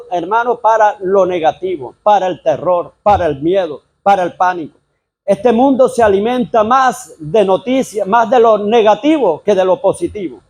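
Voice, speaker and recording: A man's voice: high-pitched, a little mellow. A man preaching a sermon as pastor, repeatedly calling his listeners brother.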